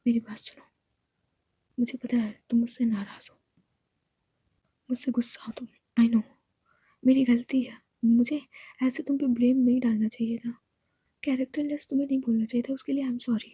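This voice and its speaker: A woman's voice: on the high side, fairly even intonation, moderate pace, long pauses, dark tone, slightly rough, no echo, clean studio sound. A woman voicing a stern but remorseful young boss. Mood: apologetic.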